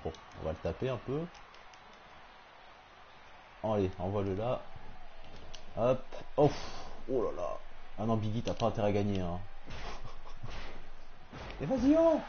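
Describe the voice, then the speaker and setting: A man giving casual live commentary on a wrestling game, talking excitedly to the opponent on screen. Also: on the low side, slow pace, long pauses, a little hiss or hum. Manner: excitable, talks to the opponent, frequent exclamations. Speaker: gamer streaming a wrestling game. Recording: slightly dull lo-fi stream audio with faint game sound.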